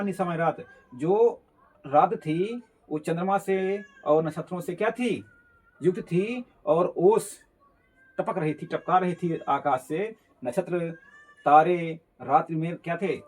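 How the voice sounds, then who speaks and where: A man teaching a class, walking through a poem line by line. He repeats each phrase and rephrases it in simpler words. His voice sits a little high and sounds slightly husky. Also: unhurried. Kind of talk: explaining Hindi poetry line by line.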